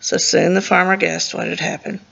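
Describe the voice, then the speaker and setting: Reading to children at storytime, a librarian speaks in a lowish, creaky voice at a moderate pace. She's expressive, stumbling here and there and adding offhand remarks about the pictures, all on lo-fi sound.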